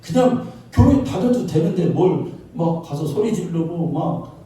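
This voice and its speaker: A pastor putting on a sly coaxing devil. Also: male voice, on the high side, expressive, measured pace, mellow, a little hiss or hum. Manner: wheedling, mocking, casual commands. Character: sly tempting devil, male, coaxing and dismissive. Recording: echoey church hall, mic far off.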